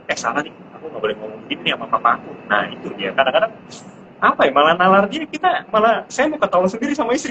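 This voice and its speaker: A man in his thirties, a parent sharing parenting tips in a casual live-stream chat, who jumps into a high pitch to mimic his child. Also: a bit bright. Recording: muffled live-stream audio with background noise.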